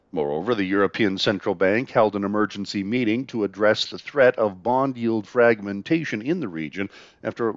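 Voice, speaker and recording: Male financial newsreader, formal and measured scripted market report, mid-range voice, dry and slightly muffled sound. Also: mid-range voice, no room sound. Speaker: market news reader.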